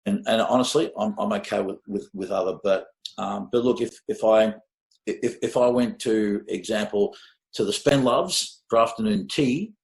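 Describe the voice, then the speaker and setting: The voice is gravelly and on the low side, moving at normal speed: a fifties-aged Australian man who masters music, guesting on a conversational podcast. His storytelling wanders, full of hesitations, fillers and offhand swearing, with echo from the room.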